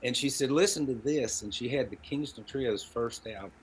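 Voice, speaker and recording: Personal anecdotes come from a storyteller and songwriter in his seventies, a podcast guest from Appalachian Tennessee with a Southern Appalachian American accent. He talks in a folksy, wry, conversational manner full of dry humor, in a mid-range voice at normal speed, with slight background noise.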